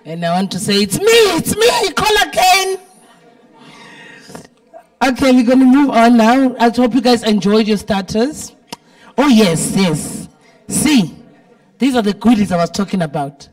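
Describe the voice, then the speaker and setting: Recorded from far off the mic at a live dinner event, this South African host speaks in a sing-song voice on the high side, a little slowly and with long pauses. Her voice is big and heavy in timbre, and her banter with the crowd is chatty, teasing and informal.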